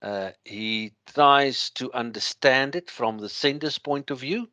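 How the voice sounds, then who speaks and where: A man with a thick Afrikaans accent lecturing through slides, explaining in a halting way with everyday examples. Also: medium pitch, pushed and bright, no room sound.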